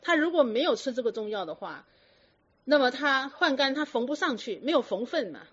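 Higher-voiced woman lecturing with questions. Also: fairly quick, breathy edge. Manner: lively, lecturing, rhetorical questions. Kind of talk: storytelling talk to an audience. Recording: dull lo-fi recording.

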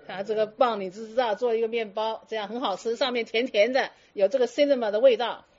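A woman's voice: fairly high pitch, steady tone, quick pace, darkish tone, dull audio. A woman giving a Buddhist dharma talk to students, firing teasing rhetorical questions and slipping in English words. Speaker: Buddhist teacher.

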